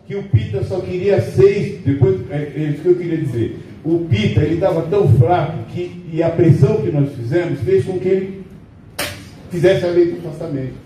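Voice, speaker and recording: A man's voice: sits high, moderate pace, dark tone. A man reminiscing to a meeting in a rambling, conversational way, often tagging questions onto his sentences. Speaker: union founder speaking at a meeting. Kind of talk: reminiscing speech to members. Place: meeting hall. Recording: echoey hall, voice from far off.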